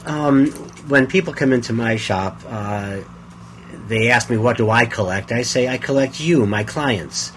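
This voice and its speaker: A man's voice: mid-range voice, measured pace, fairly bright tone. Friendly male interviewer with faint background noise. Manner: friendly, prompting questions. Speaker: interviewer and fellow bookseller. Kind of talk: casual interview.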